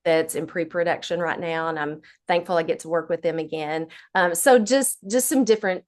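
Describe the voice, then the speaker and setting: A woman's voice: on the low side, brisk, darkish tone. A woman with an Appalachian accent chatting casually as an interview guest, in a folksy, unflattened dialect. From Appalachia, United States.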